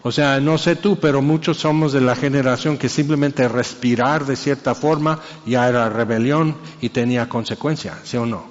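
A man's voice: mid-range voice, steady tone, moderate pace, hardly any pauses, in a large hall, highs cut off. A man preaching a sermon in a casual, joking way, acting out little scenes. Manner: conversational, acts out voices and jokes.

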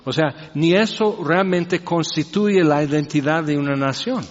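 Man, sermon, rather high voice, rhetorical questions, long hall echo, muffled lo-fi sound. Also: a little slow. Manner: conversational, rhetorical questions and joking asides. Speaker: preacher. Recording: reverberant hall, dull lo-fi sound.

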